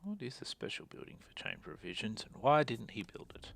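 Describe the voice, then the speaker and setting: A man's voice: mid-range voice, sing-song, fairly quick, gravelly, fairly bright tone, a little hiss or hum. A man streaming a strategy game, thinking aloud and muttering casual commentary as he plays.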